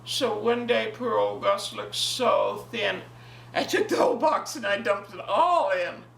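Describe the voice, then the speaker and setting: A ninety-year-old grandmother with a creaky, mid-range voice tells a family story at a measured pace, jovial and expressive. She mixes casual reminiscing with animated story reading for her family, captured in an echoey, distant home recording with faint noise.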